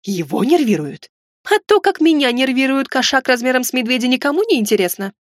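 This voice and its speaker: A woman's voice: sing-song, fairly quick, no room sound, studio quality. Woman doing a flustered young noblewoman. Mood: anxious. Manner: high, exclaiming, anxious.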